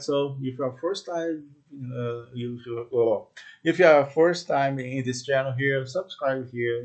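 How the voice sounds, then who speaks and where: Guy doing a chill movie review vlog, lots of uh and okay?, halting, mid-pitched voice. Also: a little mellow. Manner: halting, many fillers, tags sentences with "okay?" and "right?". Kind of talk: casual unscripted review talk.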